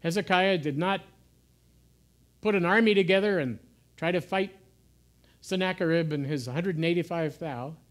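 A man giving an informal sermon in a gentle, conversational way, sometimes dropping to soft, hushed asides. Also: high voice, normal speed, pauses often. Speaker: pastor. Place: church.

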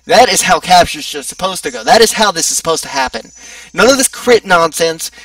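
A man's voice: high-pitched, animated, a little fast, gravelly, a bit bright, no room sound, distant mic. A young man giving sarcastic, joking commentary while playing a video game. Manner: joking, sarcastic, chatty asides. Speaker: let's play gamer. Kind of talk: casual gameplay commentary.

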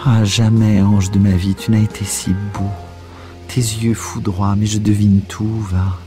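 A man's voice: mid-range voice, monotone, normal speed, over music, voice pushed up, lightly acted. A man voicing a desperate young woman in love. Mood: pleading. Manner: impassioned, pleading.

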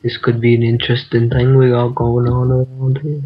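Flat, husky man on a dull mic. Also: medium pitch, moderate pace. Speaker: co-narrator. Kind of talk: mock-documentary commentary over gameplay.

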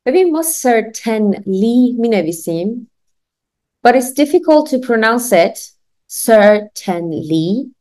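A woman teaching an online English lesson, drilling phrases for repetition, slowing down to model them clearly and laughing often. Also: a little high, lively intonation, darkish tone.

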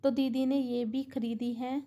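A woman's voice: high-pitched, level tone, unhurried, muffled recording. A woman with a Delhi accent narrating a shopping vlog in a busy market, chatty and explaining as she walks with a handheld phone. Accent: Delhi Hindi. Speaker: vlogger. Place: busy indoor and street market. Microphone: handheld phone camera.

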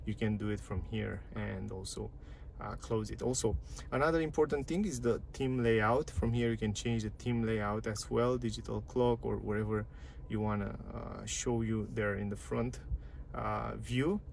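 A car reviewer with a fairly low, creaky voice speaks at a moderate pace with fairly even intonation, casually walking through a parked car's dashboard and touchscreen menus. He's chatty and repetitive with non-native grammar, and a little hiss or hum is audible.

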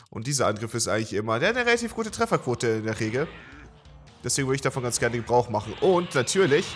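A man doing gameplay commentary, excitable, swearing and yelling at the game. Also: mid-range voice. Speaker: let's play gamer.

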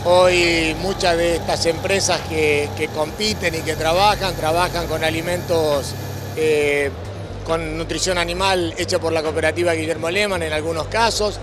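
A man's voice: on the high side, steady tone, normal speed, background noise. A man in his sixties with an Argentine accent, giving earnest, explanatory answers in an interview into a handheld microphone. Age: 60s. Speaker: interviewee, agricultural cooperative representative. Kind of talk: on-camera interview. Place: indoor exhibition hall at a farm show. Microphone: handheld microphone held by the interviewer. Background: music.

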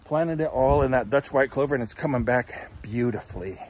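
A man's voice: medium pitch, a little fast, slight background noise. A man in his forties with an American accent, chatting casually as he walks a homestead tour, filmed outdoors on a phone held at arm's length. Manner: relaxed, chatty, explaining as he goes. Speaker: homestead vlogger. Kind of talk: casual walking tour vlog.

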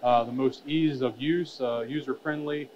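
A man in his thirties presents on a curtained expo stage into a headset mic. He talks at a middling pitch, halting often with fillers and restarts. The sound is a little dull, with a faint murmur of the hall behind him. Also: steady tone, a little hiss or hum. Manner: hesitant, many fillers and restarts. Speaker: trade show presenter. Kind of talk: conference presentation.

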